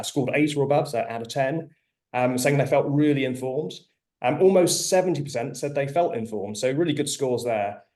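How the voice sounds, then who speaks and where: Male moderator, medium pitch, informal webinar hosting, halting and filler-heavy. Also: darkish tone. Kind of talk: informal hosting of an online panel.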